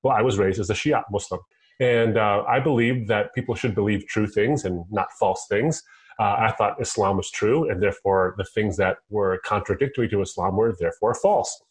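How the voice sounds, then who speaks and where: A man's voice: lowish voice, normal speed. A middle-aged American man, a guest on the line, telling his own story in an earnest, conversational way. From United States. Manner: earnest storytelling, quotes himself in asides. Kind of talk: conversational interview. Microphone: phone line.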